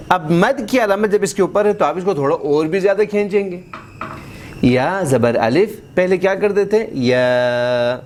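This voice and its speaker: Patient man teaching slow recitation. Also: a little high, a little hiss or hum. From Baltistan, Pakistan. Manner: patient, spells sounds out slowly and drawn out; encouraging, praises the pupil often. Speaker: Quran reading teacher. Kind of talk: step-by-step recitation lesson.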